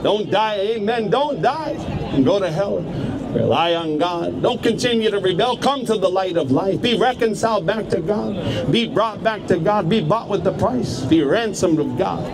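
A man's voice: high-pitched, lively intonation, normal speed. A man preaching outdoors on a city street, urging listeners with repeated calls and hallelujahs. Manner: urgent, repetitive exhortation with hallelujahs. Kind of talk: open-air street preaching. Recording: loud street noise. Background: traffic and street noise.

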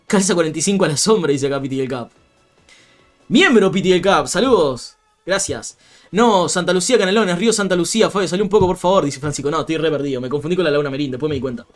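Chatty young Rioplatense man with light music. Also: on the high side. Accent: Rioplatense Spanish. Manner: chatty, laughs often, reads out viewer comments. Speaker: streamer. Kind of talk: casual live-stream football chat.

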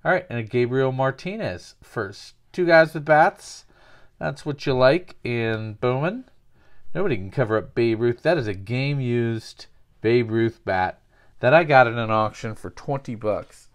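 A man's voice: medium pitch, lively intonation, unhurried. A man hosting a casual card-opening show, joking and rambling as he names each card. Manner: jokey, rambling, trades banter with viewers.

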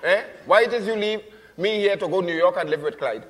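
A man's voice: high-pitched, a little fast, fairly bright tone, long reverb tail. A man playing a joking Trinidadian man in a comedy sketch, teasing and mocking in a Trinidadian accent. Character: teasing Trinidadian man meeting his girlfriend. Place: airport car park outdoors.

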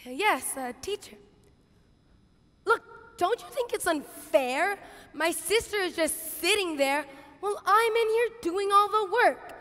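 A woman's voice: very high-pitched, lively intonation, slow, long pauses, full character voice. A young woman performing a dramatic stage monologue as a bossy, harried biblical kitchen hostess, with exaggerated theatrical intonation. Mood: exasperated, pleading. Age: teens to young adult. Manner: exaggerated, theatrical intonation, swinging from hushed asides to shouts. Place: stage in a large auditorium with audience. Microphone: headset. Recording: reverberant large hall, headset mic.

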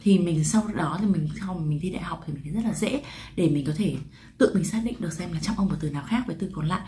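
Woman, from Vietnam, English pronunciation teacher, quick, chatty, rhetorical questions. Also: fairly low pitch, mellow, a little hiss or hum. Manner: chatty, asks rhetorical questions, stretches out example words. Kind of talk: explanatory lesson to camera.

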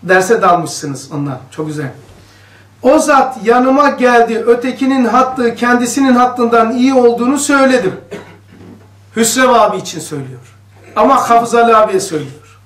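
A man's voice: very high voice, lively intonation, normal speed, fairly bright tone. A man leading a religious study circle, reading a text aloud and explaining it to the group in a chatty way, with his voice echoing like in a cave. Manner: conversational, explains each passage and questions the listeners. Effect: cave-like echo on the voice. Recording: echoey room, voice distant from the mic.

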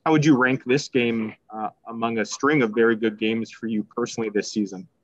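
A man's voice: medium pitch, steady tone, a little fast, dull audio, a little hiss or hum. A male sports reporter asking a detailed question at a press conference.

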